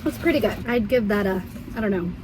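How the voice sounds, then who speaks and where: A woman's voice: medium pitch, lively intonation, quick pace. A woman vlogging in a casual, rambling way to her viewers, thinking aloud as she talks. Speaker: lifestyle vlogger. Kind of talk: casual vlog chat to camera. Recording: clear background noise.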